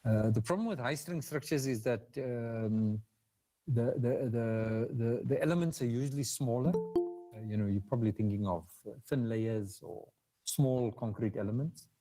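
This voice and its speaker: A man with a South African English accent lecturing over a video call, his voice mellow and dark. He speaks haltingly, with fillers and repeated words as he works through technical answers. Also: mid-range voice, soft background music. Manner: hesitant, with frequent fillers and restarts. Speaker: guest speaker. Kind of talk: webinar lecture and Q&A.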